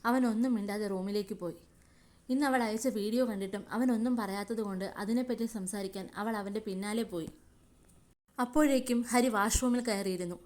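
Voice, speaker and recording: A woman's voice: mid-range voice, a little mellow. A woman storyteller reading a romantic serial story aloud, with playful asides to her listeners at the close. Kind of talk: scripted story narration.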